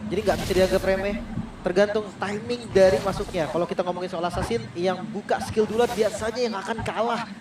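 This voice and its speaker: Indonesian male co-caster, high voice, conversational analysis, echoey with background noise. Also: fairly even intonation, quick pace, a crowd in the background. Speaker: esports co-commentator. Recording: echoey, distant, noisy background.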